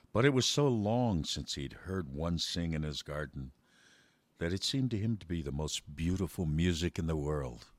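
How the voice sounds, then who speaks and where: Very deep-voiced man reading a story. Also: no room sound. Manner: measured, slows down for verse. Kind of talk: reading a children's story aloud.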